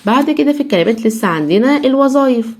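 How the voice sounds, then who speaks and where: A young Egyptian woman teaching children English, breaking each word into slow syllables and repeating it many times. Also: sits high, animated, darkish tone. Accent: Egyptian Arabic. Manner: drills each word slowly, syllable by syllable, over and over.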